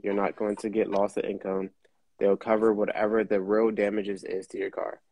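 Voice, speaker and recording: A man's voice: on the low side, little pitch movement, normal speed, darkish tone, husky, no room sound. A man hosting a casual chat, explaining things in a blunt, profane, laid-back way. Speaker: host.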